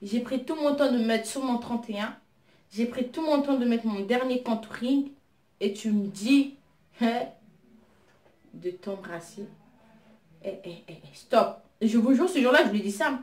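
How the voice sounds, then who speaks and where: A woman's voice: on the high side, measured pace, pauses often. French-speaking woman telling a story in a roomy echo. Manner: lively, indignant retelling of her own exchanges. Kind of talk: casual storytime chat.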